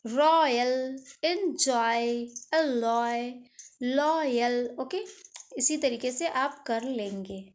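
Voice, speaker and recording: A woman teaching English pronunciation, explaining patiently and drawing out each example word. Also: high-pitched. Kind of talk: pronunciation lesson.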